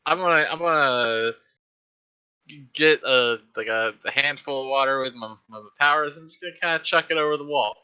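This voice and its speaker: A very bright, smooth male voice talks haltingly at a tabletop game, often restarting. The recording sounds dull, from a modest home mic. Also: mid-range voice. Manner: hesitant, halting. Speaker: player.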